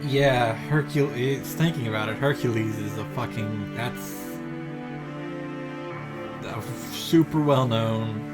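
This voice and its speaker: A man hosting a game reaction takes his time, reading visual novel lines aloud in a medium-pitched voice and adding casual commentary laced with swearing. Game music plays in the background.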